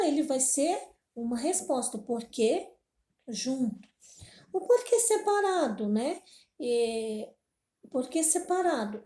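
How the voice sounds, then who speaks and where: A woman's voice: sits high, mellow, reverberant. A woman teaching a grammar lesson, repeating each point and checking in with her listeners often. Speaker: Portuguese teacher.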